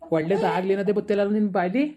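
A woman's voice: medium pitch, fairly even intonation, racing, warm tone, natural voice. A woman doing an indignant, scolding parent. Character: indignant parent defending the daughter.

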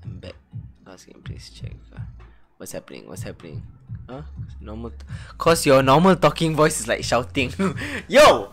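A young man streaming a football video game, chatting loudly and joking with slang. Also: mid-range voice, big pitch swings, moderate pace, soft background music. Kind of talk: casual gaming stream chat.

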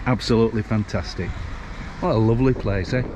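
This clip has a lowish, brisk male voice with the high frequencies cut off and a noisy background. The speaker is a sixty-something vlogger from the North of England, rambling folksily as he walks a seafront street holding his camera.

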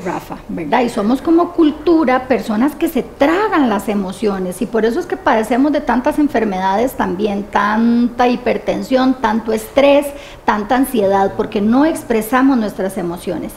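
A woman, a guest expert on grief, answering interview questions in a calm, measured way and often checking in with a tag question. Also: on the high side, slight background noise. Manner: calm, measured, often ends points with "¿verdad?".

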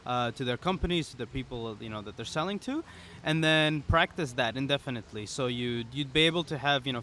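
Here a young man with a pushed, bright, medium-pitched voice casually explains things as a startup founder guest in a conversational interview. He's recorded on a boom-arm podcast microphone at an outdoor pop-up podcast booth at a conference, with faint outdoor conference ambience audible.

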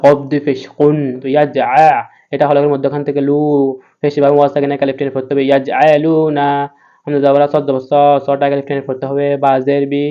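A man teaching a recitation lesson, spelling out letters one by one and then chanting the verses slowly. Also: mid-range voice, completely flat delivery, clean tone, highs cut off. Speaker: Quran reading teacher.

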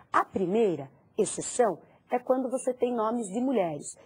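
Very husky woman teacher, lively. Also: on the high side. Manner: asks the student questions and answers them herself. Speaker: Spanish teacher. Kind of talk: recorded language lesson.

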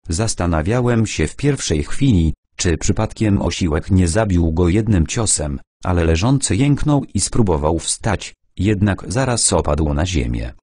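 A man's voice: low-pitched, mellow, husky, no echo, studio quality. A man reading a novel aloud as an audiobook narrator, voicing the dialogue only by dropping his voice a little.

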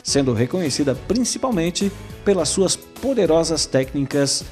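Brief: male narrator from Brazil, fairly high voice, measured formal read, faint music underneath. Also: animated, darkish tone. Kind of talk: scripted narration.

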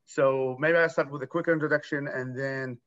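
A man in his thirties from Iraq speaking as a panelist on a video call, earnest and halting with restarts. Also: medium pitch, fairly even intonation, fairly bright tone. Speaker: panelist, nonprofit founder. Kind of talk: conference panel talk. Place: room at home. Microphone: laptop webcam on video call. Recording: dull lo-fi video call audio.

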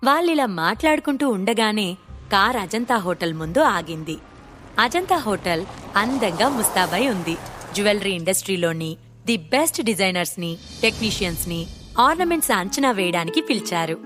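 A woman narrating a scripted audio story in a steady storytelling manner. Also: medium pitch, moderate pace, music in the background.

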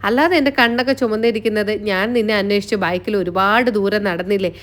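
A woman's voice: medium pitch, fairly even intonation, fairly quick, natural voice. A woman voicing a shy, affectionate young husband who explains himself earnestly.

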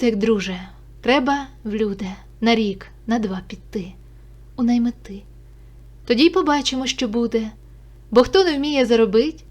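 A stern old Cossack father gives firm, worldly advice, voiced by a woman reader in a fairly high voice. The delivery is steady and instructive.

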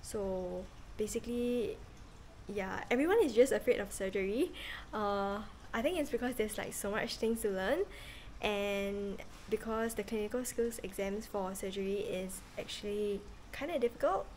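A woman's voice: medium pitch, moderate pace, a little mellow, slight background noise, low-quality recording. A woman in her thirties from Singapore, chatting earnestly to a camera held at arm's length on a house porch, with many fillers. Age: 30s. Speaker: vlogger, medical student. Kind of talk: casual talking-to-camera vlog.

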